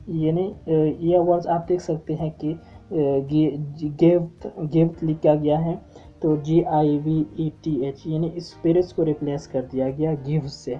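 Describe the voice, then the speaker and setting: A woman giving a lecture-style lesson, hesitant, often pausing on filler sounds and restarting her phrases. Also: deep voice, mellow. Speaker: teacher. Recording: dull lo-fi with faint music.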